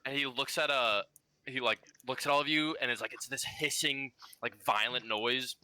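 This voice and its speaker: A man's voice: medium pitch, normal speed, bright, forceful tone, clear, resonant tone, no echo, poor audio. A man narrating a tabletop game as game master, in loose speech with a lot of "like.".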